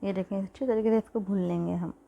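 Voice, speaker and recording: A woman with a mellow, darker voice talks through a cooking lesson in her home kitchen, recorded on a phone. Her throat is sore. She keeps up a chatty tone, often checking in with "theek hai.". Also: mid-range voice, fairly even intonation, quick pace, vocal fry, highs cut off. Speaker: cooking channel host. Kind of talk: casual cooking tutorial.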